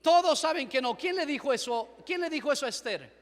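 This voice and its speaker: A man with an Ecuadorian Spanish accent preaching a fervent sermon in a church, telling dramatic stories and building to shouts. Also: very high-pitched, expressive, brisk. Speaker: pastor. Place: church hall. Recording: echoey church hall.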